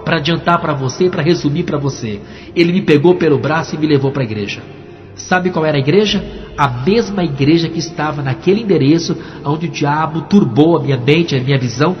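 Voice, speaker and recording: Brief: lively Brazilian Portuguese-accented man, church testimony, higher voice, echoey hall. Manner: animated storyteller acting out dialogue. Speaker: testimony speaker. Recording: echoey hall, dull lo-fi sound, faint music.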